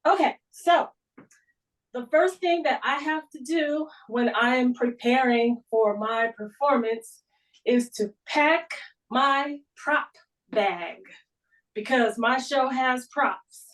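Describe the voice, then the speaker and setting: Slow-talking woman telling a personal story. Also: sits high, fairly bright tone, far from the mic, rough recording. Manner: slow, unhurried and conversational. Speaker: guest speaker. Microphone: video call.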